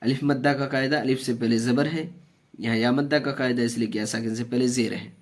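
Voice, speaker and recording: A man teaching Quran reading, chanting each spelled syllable slowly, then explaining the rules quickly, with an Urdu accent. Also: fairly even intonation. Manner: drawn-out chanting of syllables, then brisk low-voiced explaining. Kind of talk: slow spelled-out recitation drills with quick spoken explanations.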